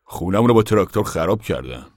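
Man doing a stubborn farmer dad, loud, insistent, deep voice, dry close sound, storybook reading. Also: expressive, dry recording. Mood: earnest. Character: determined older farmer father, hopeful, stubborn.

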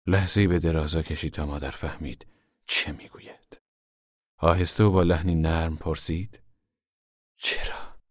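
A man narrating an audiobook in a measured, literary storytelling delivery. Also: rumbling low, steady tone, no room sound, studio quality. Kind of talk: scripted narration.

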